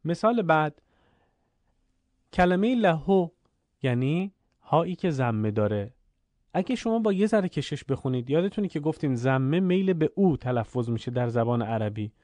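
A man teaching Quran recitation, explaining rules clearly and then chanting the examples slowly and drawn out. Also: medium pitch, animated, darkish tone, no echo. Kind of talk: recorded recitation lesson.

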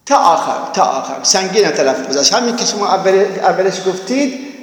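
A male teacher giving a classroom grammar lesson. He drills each verb form slowly, repeating it, and keeps asking the students whether they are following. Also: high voice, lively intonation, reverberant, long reverb tail, low-quality recording. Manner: coaxing, checks students follow.

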